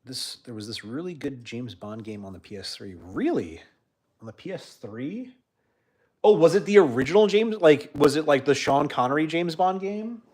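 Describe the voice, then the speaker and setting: A young man hosting a casual livestream chat, rambling with many fillers and trailing off quietly at the ends of sentences. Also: on the high side, lively intonation, normal speed. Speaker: host.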